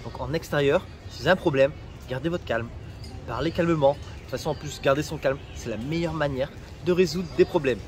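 A man's voice: fairly high pitch, a little fast. Chatty man giving travel tips. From France. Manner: chatty, joking, direct advice to viewers. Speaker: travel vlogger. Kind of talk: casual travel tips vlog.

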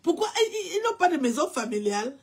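Mocking high-voiced woman. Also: big pitch swings. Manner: mocking, with drawn-out mock wailing and repeated sing-song cries. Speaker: commentator. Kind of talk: casual mocking rant.

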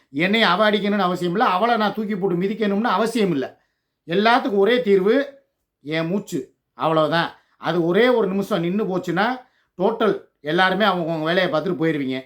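Older man, high-pitched voice, emotional vlog rant, scolding, pleading, loud. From Tamil Nadu, India. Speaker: channel host.

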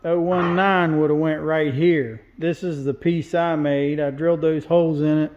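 Here a welder and fabricator, working in a big indoor metal shop, casually and plainly explains what he's doing as he points things out. He speaks at a moderate pace in a slightly high, darkish voice with fairly even intonation, captured on lo-fi audio.

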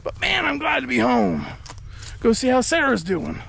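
Extremely high-pitched and creaky, this man's voice is very animated at a normal speed, with background noise behind it. Tired from his farm, he keeps up a chatty, easygoing vlog outdoors and in a pickup truck, using a handheld action camera at arm's length.

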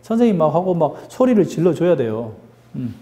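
A male English teacher giving a lively classroom grammar lesson, drilling students with call-and-response questions and teasing them. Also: on the high side, brisk, echoey room.

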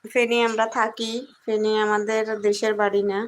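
A young woman from Bangladesh hosting a casual live stream, reading viewers' comments aloud and answering them in a soft, quiet voice. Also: medium pitch, little pitch movement, moderate pace, poor audio.

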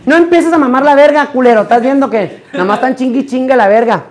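A hoarse man hosting a rowdy live stream at an indoor party, cursing and exclaiming theatrically. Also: extremely high pitch, fast, darkish tone. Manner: brash, profane, theatrical exclamations.

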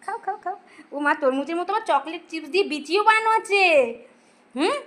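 A woman's voice: very high-pitched, expressive, brisk, fairly bright tone, a little hiss or hum. A woman talking to her toddler in playful, coaxing baby talk, teasing and singing. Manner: sing-song, coaxing and teasing. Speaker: vlogger talking to her child.

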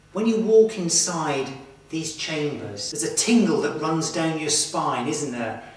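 A man in his thirties presenting to camera in a slow, earnest, reflective way, inside a stone church. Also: a little high. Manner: slow, earnest, with emphatic pauses. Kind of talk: reflective documentary talk to camera. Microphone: far camera mic. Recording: echoey church from far off.

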